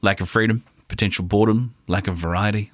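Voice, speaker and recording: Brief: low-voiced NZ man, wry joking podcast co-host, dry close recording. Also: fairly even intonation, fast, no echo. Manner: wry, joking, reflective asides. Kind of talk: casual conversational podcast.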